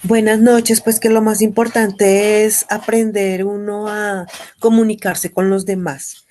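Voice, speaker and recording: A woman's voice: mid-range voice, level tone, takes it slowly, darkish tone. A woman from the audience shares a short, spontaneous comment at a workshop. She halts and searches for her words as she goes. Faint noise sits behind her voice. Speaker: workshop participant.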